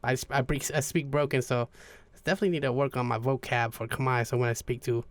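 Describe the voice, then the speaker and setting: A man's voice: mid-range voice, fairly even intonation, fast talker, dry recording. A man hosting a podcast in casual, informal conversation with loose phrasing. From United States. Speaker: podcast host.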